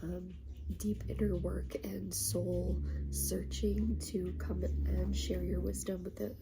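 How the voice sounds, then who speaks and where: This tarot reader's voice is low-leaning and gravelly, congested from a cold, and barely moves in pitch as she half-whispers softly and hesitantly. Filling her casual spiritual talk with ums, she seems embarrassed by her voice, and there's noise in the background.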